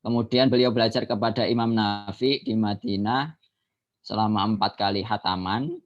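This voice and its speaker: A male religious teacher lecturing over an online call, his voice breaking up and dropping out as the weak connection cuts in and out; he speaks in a measured way with frequent hesitation fillers. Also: fairly low pitch, steady tone. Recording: dull lo-fi call audio, choppy.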